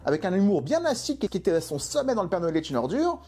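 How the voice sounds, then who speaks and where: A man's voice: high voice, very animated, fast talker, darkish tone, slightly rough. A man reviewing a film in an exasperated, emphatic way, full of rhetorical questions. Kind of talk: opinionated video film review.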